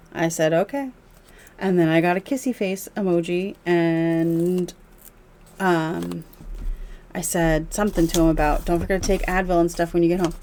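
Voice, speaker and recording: A woman's voice: on the low side, darkish tone, slight background noise. A middle-aged woman vlogging at home while journaling, chatting casually and wryly, often quoting people in dialogue.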